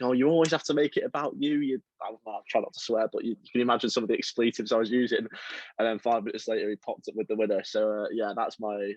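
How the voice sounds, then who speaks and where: Young English man, chatty and low-voiced. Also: a little mellow, no room sound, highs cut off. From England, around Liverpool. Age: young adult. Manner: chatty, self-deprecating, many fillers and restarts. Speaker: football writer guest. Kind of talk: casual interview chat.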